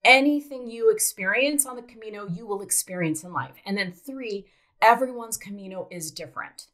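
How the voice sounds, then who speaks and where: A woman's voice: medium pitch, normal speed, a bit bright. A middle-aged woman from South Dakota telling a personal story in an earnest, reflective way, with hesitant fillers. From South Dakota, United States.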